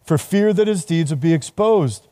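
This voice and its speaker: A man's voice: a little high, moderate pace, mellow. A middle-aged man preaching a casual, conversational sermon to students, laughing at himself often.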